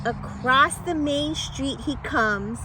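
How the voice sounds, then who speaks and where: Clear ambient noise sits behind a high-voiced woman reading a children's picture book aloud at a leisurely pace. Her storytelling is playful and dramatic, full of exclamations and pauses that build suspense.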